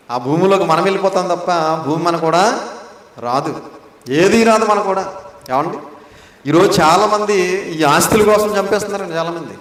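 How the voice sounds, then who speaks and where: A man with a Telugu accent preaches in a high, ringing voice, often turning to the congregation with short questions. His voice echoes through a large hall with a long reverb tail, sounding roomy rather than close. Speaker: pastor. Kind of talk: sermon.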